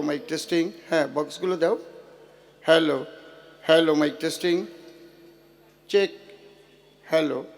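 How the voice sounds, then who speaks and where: High gravelly older man running a sound check. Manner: bossy, gives the crew running orders. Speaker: devotional singer. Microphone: handheld stage mic.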